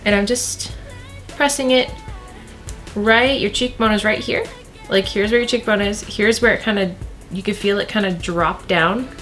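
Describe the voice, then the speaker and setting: A woman at a middling pitch talks viewers through a makeup routine. She is chatty and casual, doubling up on words to stress a point. Soft music plays faintly behind her. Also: normal speed. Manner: chatty, repeats words for emphasis. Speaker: beauty vlogger. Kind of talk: makeup tutorial talk.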